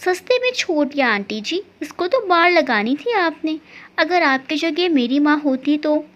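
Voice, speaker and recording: A woman's voice: high voice, lively intonation, unhurried, a bit bright. A woman voicing a playful young man who teases and jokes with an older aunt. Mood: teasing. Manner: playful, apologetic teasing. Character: young adult man, joking and teasing. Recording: dull lo-fi recording.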